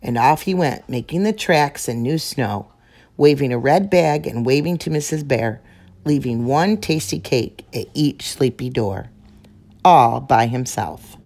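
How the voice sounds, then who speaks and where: Reading aloud from a picture book to a group of children, a female storyteller takes her time. She has a gentle, expressive voice that sits low for a woman.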